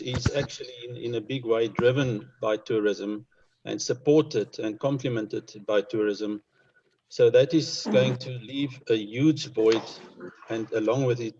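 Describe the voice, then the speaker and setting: A man with a Namibian accent speaking as a conservationist in an informal interview, in a hesitant, measured and concerned manner. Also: medium pitch, a little mellow, slight background noise. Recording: dull lo-fi online call audio.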